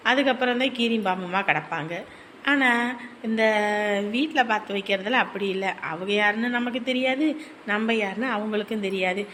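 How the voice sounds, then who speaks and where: An actress playing a warm-hearted married aunt, talking earnestly. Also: female voice, medium pitch, slight background noise, lightly acted. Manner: earnest, consoling, talkative. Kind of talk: village family drama.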